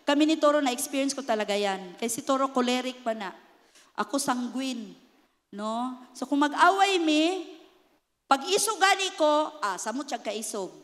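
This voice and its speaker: Filipino lady pastor preaching, high voice, lots of call and response, long church echo. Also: lively intonation, normal speed. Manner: mixes English with Filipino, leads the congregation in call-and-response. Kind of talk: sermon. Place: church sanctuary. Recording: echoey church hall.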